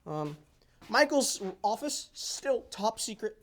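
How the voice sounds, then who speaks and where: This early-twenties man has a high-pitched, fairly bright voice that swings widely in pitch while he talks slowly. Touring an indoor workshop off the cuff, he rambles in a jokey, self-deprecating way full of playful exaggeration.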